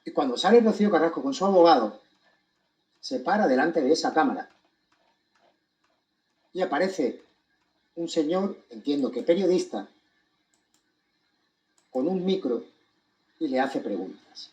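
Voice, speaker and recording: A man with an accent from Spain gives a deliberate, emphatic monologue to an audience, breaking his phrases with pointed pauses. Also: a little high, expressive, darkish tone, rough recording. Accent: Spanish from Spain. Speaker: commentator giving his account of a court case.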